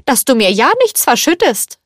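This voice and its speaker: A woman voicing a kind, motherly teapot in a storybook reading, gentle and fussing. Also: on the high side, big pitch swings, normal speed, dry recording, studio quality.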